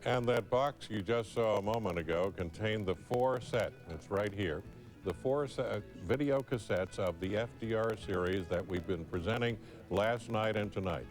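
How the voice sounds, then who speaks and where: A man hosting a public television pledge drive, making an earnest, measured appeal in formal phrasing. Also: on the low side, faint music behind.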